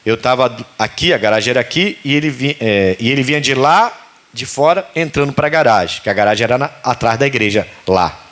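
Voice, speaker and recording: A man's voice: medium pitch, brisk. A man preaching a sermon as pastor, telling stories and acting out the dialogue. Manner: animated storytelling preacher, acts out dialogue.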